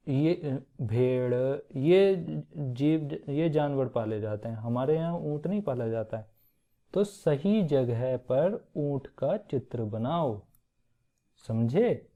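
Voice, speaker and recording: A man teaching young children, explaining a poem slowly, reciting it in a sing-song way and often checking that they follow. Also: medium pitch. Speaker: primary school teacher. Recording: tinny phone-like audio.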